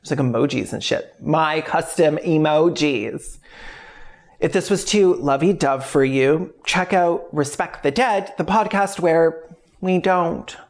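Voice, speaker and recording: A woman with a low-pitched, unhurried voice hosts a video essay, addressing the audience directly in scripted narration. Her wording is informal and sweary.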